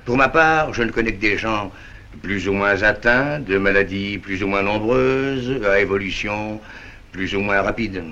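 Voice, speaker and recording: Pompous, bright-voiced man of science. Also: fairly low pitch, a little slow. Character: pompous man of science dismissing health as illusion. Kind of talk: theatrical dialogue from an archive recording. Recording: dull, noisy old film sound.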